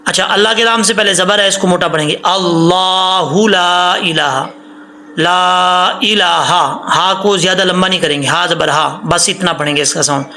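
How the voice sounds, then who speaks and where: A man teaching Quran recitation rules, explaining in casual speech and then chanting words slowly, syllable by syllable, to show how they should sound. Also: sits high, sharp tone. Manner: breaks verses into syllables, stretches sounds to show length. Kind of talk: tajweed lesson, slow recited examples between explanations.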